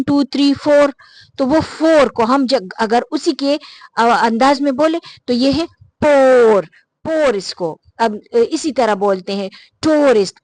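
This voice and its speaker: A woman gives a casual spoken lesson on phonetic transcription in a slightly high voice. She talks patiently, pauses on frequent fillers and repeats example words slowly. The recording is close and dry, with no room sound. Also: no echo. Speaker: English phonetics teacher.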